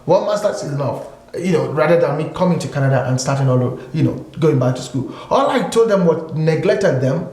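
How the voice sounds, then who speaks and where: A man's voice: a little high, animated, a little fast, darkish tone. A man talking as a guest in a casual discussion, emphatic, repeating his points, with lots of fillers. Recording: echoey room.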